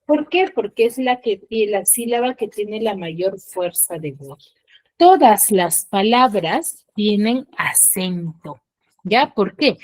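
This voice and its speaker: A woman's voice: medium pitch, darkish tone. Woman teacher peppering her lecture with "¿ya?". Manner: explains step by step, checks in with frequent "¿ya?"; rising emphatic questions answered by herself. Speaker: school teacher. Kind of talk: online class lecture.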